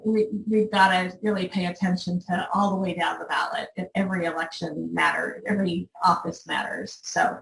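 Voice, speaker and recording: An older woman, a volunteer organizer, speaking earnestly and haltingly to a meeting, at times emotional. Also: mid-range voice, gravelly, a bit bright. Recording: roomy sound from a distant mic.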